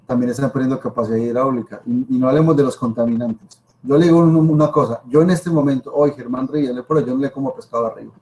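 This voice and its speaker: A man's voice: mid-range voice, fairly even intonation, fast talker, darkish tone, low-quality recording. A man with a Colombian accent giving an informal lecture as a professor, emphatic, repeating himself and asking rhetorical questions. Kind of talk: informal spoken lecture to students.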